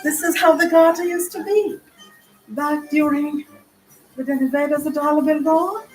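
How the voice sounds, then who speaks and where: A woman's voice: high voice, fairly even intonation, normal speed. A middle-aged woman giving a playful, rambling spoken-word stage performance in a sing-song way. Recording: echoey room from far off with music.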